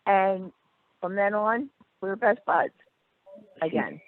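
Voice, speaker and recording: A woman's voice: medium pitch, slow, vocal fry. A middle-aged woman telling stories in casual chat, acting out the voices of people she quotes. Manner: animated, acts out quoted voices. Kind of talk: casual storytelling. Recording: tinny phone-like line, dry.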